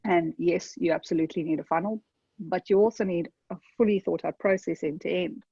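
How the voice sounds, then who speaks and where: With a fairly low, steady, creaky voice that's warm and slightly rough, this South African woman speaks briskly. Presenting a webinar in a conversational way with a South African accent, she addresses her audience directly and keeps asking "okay?". The recording is dry and lo-fi.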